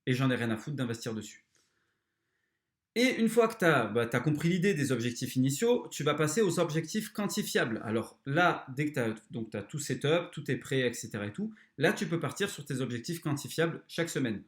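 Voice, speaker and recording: A man's voice: mid-range voice, very animated, fairly quick, echoey room. A man hosting a motivational self-help podcast, talking bluntly and crudely straight to the listener. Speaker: podcast host.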